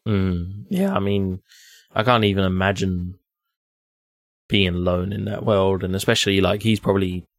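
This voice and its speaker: A man's voice: low-pitched, moderate pace, no room sound, studio quality. A man co-hosting a podcast, chatting casually about a video game, hesitant and often restarting his words.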